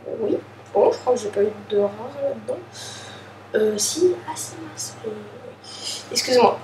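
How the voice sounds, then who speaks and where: A woman casually comments while opening trading card packs, sounding hesitant and apologetic with many fillers. Her voice is a little high, animated, unhurried and mellow, heard from a distance in an echoey room with faint ambience and a little hiss or hum.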